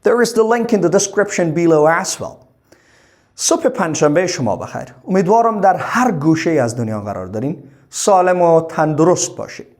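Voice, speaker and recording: Guy teaching pronunciation, voice swings up and down a lot, says each word slow twice. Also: on the high side, very animated, darkish tone. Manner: slow, drawn-out model words, repeated for drilling. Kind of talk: bilingual lesson.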